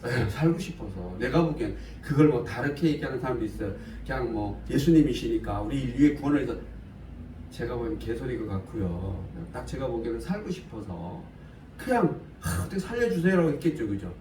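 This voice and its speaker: A man's voice: medium pitch, lively intonation, a little fast, warm tone. A man preaching a conversational Bible sermon in a casual, blunt way, often asking his listeners questions. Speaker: pastor. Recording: roomy, from a distance, faint hiss.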